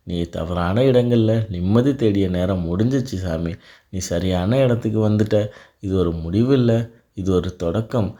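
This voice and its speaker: A man delivering a devotional blessing in a calm, reassuring voice, speaking directly to the listener. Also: fairly low pitch. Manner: calm, reassuring second-person address. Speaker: devotional narrator.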